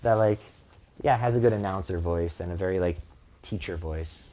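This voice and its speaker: A man with a close mic, speaking in a thoughtful and reflective way during a casual conversation, often pausing on fillers. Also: low-pitched, mellow. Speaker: relating practice facilitator.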